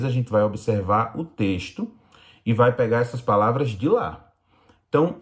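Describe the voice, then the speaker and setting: A man teaching young children in Brazilian Portuguese, explaining slowly and patiently in a recorded lesson. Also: medium pitch. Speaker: primary school teacher.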